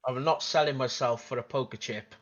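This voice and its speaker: A man's voice: mid-range voice, brisk, a bit bright, muffled recording. A man, a guest on a live stream, chatting in a rambling, joking, self-deprecating way. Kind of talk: casual live-stream chat.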